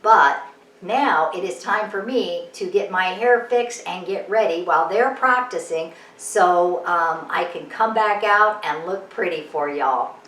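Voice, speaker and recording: Chatty woman pastor, lowish voice. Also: a little slow, a bit bright, poor audio. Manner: chatty and explanatory, with small self-corrections. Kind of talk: casual walkthrough of a church video setup. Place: house set up as a makeshift worship studio.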